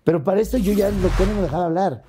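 A man's voice: sits high, rapid-fire, dark tone, slight background noise. An older man with a Mexican accent, a guest in a casual interview, retelling a hard time in an earnest, emotional way.

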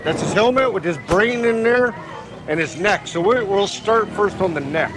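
A man's voice: high voice, expressive, normal speed, noisy background. A man in his forties hosting a casual food challenge vlog, exclamatory and hesitant, on a lapel mic outdoors on a street. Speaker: vlog host. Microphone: clip-on lapel mic. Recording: busy outdoor street, music behind.

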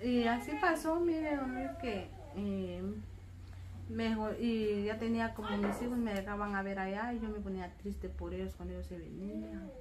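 A woman's voice: mid-range voice, normal speed, a crowd in the background. A woman, telling her family story in a casual interview and acting out many quoted exchanges. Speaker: interviewee, mother.

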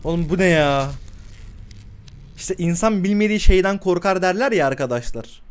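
A male streamer reacting live to short horror films, with a voice on the higher side. He urges the characters on, swears freely and breaks into shrieks and laughter at the scares. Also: animated, moderate pace, smooth. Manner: talks back to the screen, swears, shrieks when startled.

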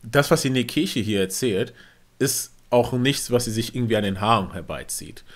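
A man's voice: medium pitch, lively intonation, moderate pace. A man taking part as a panelist in a casual discussion, weighing both sides.

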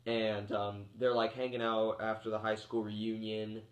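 A man around thirty rambles through a movie review, full of fillers and restarts, coughing as he gets over a cold. His voice is on the low side, unhurried and completely flat. The room is echoey.

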